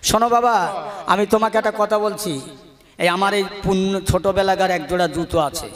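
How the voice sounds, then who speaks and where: Preacher man doing a kind old teacher, gentle fatherly tone, echoey hall. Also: high-pitched, steady tone, a little fast, pitched above the performer's own voice. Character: kind wise old male madrasa teacher. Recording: long hall reverb.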